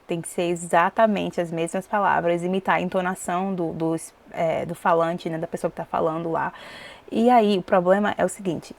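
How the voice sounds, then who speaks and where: A woman with a Brazilian accent, an English test prep teacher talking in a casual, expressive way with frequent fillers. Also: on the low side. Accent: Brazilian Portuguese. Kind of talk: casual explanatory vlog.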